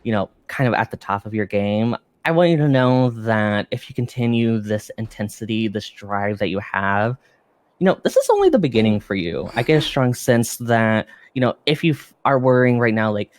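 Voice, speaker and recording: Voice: mid-range voice, very animated, moderate pace, no echo, lightly acted. A performer playing an earnest, encouraging psychic medium, giving a tarot reading in a hesitant, reassuring, intuitive way. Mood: reassuring, intense. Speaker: psychic tarot reader in a role-play. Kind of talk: improvised role-play tarot reading, seance medium manner.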